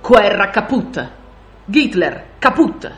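A woman voicing a gruff bearded Russian soldier, a man who barks short, clipped commands with slow, stressed words. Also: mid-range voice, lively intonation, a bit bright, faint music behind. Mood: demanding.

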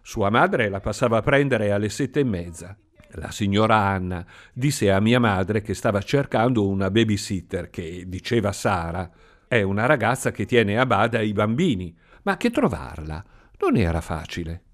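A man reading a story aloud in an expressive, sing-song storytelling manner. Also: on the low side, moderate pace. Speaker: narrator. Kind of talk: audiobook reading. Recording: faint music behind.

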